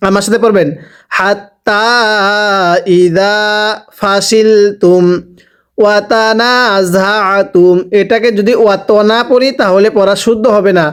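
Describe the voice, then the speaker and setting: Slow, clear-voiced man teaching recitation. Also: high-pitched, fairly even intonation. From Bangladesh. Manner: spells each letter and vowel mark, then has the listener repeat. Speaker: Quran teacher. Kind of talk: slow spelling-out recitation lesson.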